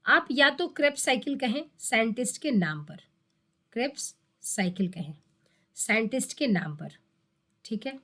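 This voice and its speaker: A biology teacher with a high, slightly bright voice gives an exam-prep lecture. She walks through the material step by step, repeats terms for emphasis, and asks herself questions before answering them.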